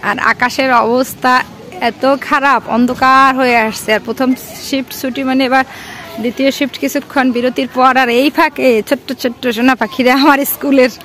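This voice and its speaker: Speaking fairly quickly with a flat delivery, a woman with a high, fairly bright voice and a Bangladeshi accent gives casual outdoor vlog commentary while chatting to children. She is on open grassy ground by a school, with faint outdoor ambient noise.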